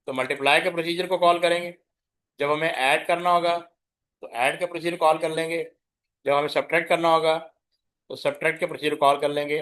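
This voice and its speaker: Slightly high-voiced male teacher explaining. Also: fairly bright tone. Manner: explains step by step, checks understanding with the class; mixes English terms into Hindi speech. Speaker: computer science teacher. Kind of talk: classroom lecture. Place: classroom.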